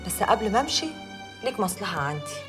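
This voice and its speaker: A woman's voice: medium pitch, big pitch swings, fast talker, over music, lightly acted. An actress playing an urgent, secretive woman with an Egyptian accent, talking insistently. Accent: Egyptian Arabic. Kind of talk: TV drama acting.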